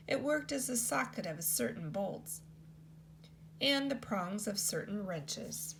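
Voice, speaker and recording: A woman teacher reads a picture book aloud to children, her gravelly, creaky voice moving in a lively, sing-song melody. Her expressive reading has lots of pitch movement, with a faint hum underneath.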